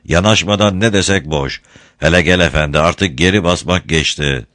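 A man's voice: deep voice, moderate pace, a bit bright, no room sound, clean studio sound. A man voicing a sly, joking tobacco smuggler in a read-aloud story. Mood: wry. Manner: mocking, wisecracking.

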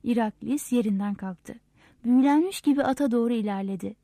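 A woman narrating a novel aloud in a steady, measured storytelling manner. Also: a little high, dry recording. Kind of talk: audiobook narration.

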